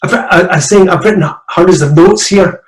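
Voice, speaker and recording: A man's voice: sits high, moderate pace, echoey room, rough recording. A man with a Glaswegian accent asking a question over a video call, hesitant with many fillers. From Scotland. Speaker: audience member asking a question. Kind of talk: casual chat.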